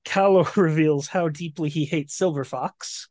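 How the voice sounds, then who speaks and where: Higher-voiced man recapping a book. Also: a little slow, darkish tone, no room sound, clean studio sound. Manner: recaps scenes and reads quotes aloud. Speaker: podcast co-host. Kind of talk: casual book discussion.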